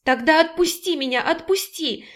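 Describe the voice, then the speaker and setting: A woman reading an audiobook and voicing a frightened but defiant young woman who talks in a high, strained voice and shouts. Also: measured pace, close to an everyday voice. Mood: enraged. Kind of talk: audiobook character voice.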